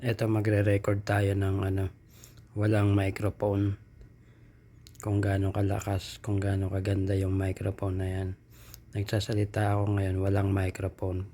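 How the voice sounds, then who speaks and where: A man's voice: lowish voice, completely flat delivery, normal speed, warm tone. A man chatting casually through an unboxing vlog, trying out a new wireless microphone on his phone. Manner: chatty, testing a mic by repeating hello. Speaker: vlogger. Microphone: phone built-in mic, then a wireless clip mic.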